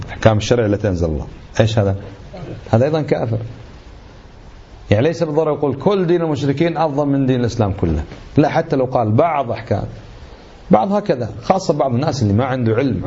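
A man's voice: mid-range voice, dark tone, a little hiss or hum. A man giving a religious lesson, emphatic and indignant, firing off rhetorical questions. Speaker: religious teacher. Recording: slightly dull lo-fi recording.

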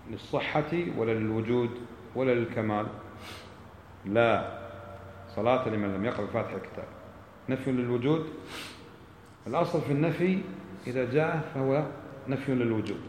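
A man's voice: medium pitch, echoey room, a little hiss or hum, rough recording. A man teaching a religious lesson, explaining rulings by asking questions and answering them himself. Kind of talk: classroom lesson on prayer rulings.

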